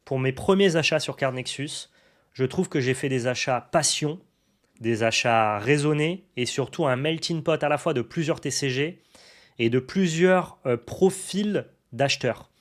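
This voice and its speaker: A man's voice: mid-range voice, unhurried. A young adult man showing off his card purchases in a casual, enthusiastic chat to the camera. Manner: enthusiastic, chatty, many fillers and restarts. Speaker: card collecting YouTuber.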